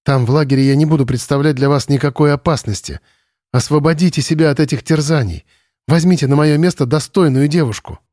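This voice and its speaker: Man reading a soft-spoken captive young woman, calm and defiant, quiet steady voice. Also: fairly high pitch, a little fast, no room sound, clean studio sound, close to an everyday voice. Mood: timid. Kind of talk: audiobook character reading.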